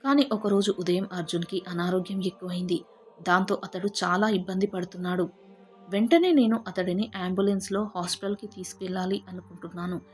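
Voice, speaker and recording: A woman telling a first-person family story in a steady, heartfelt way. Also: fairly low pitch, brisk. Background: faint background music.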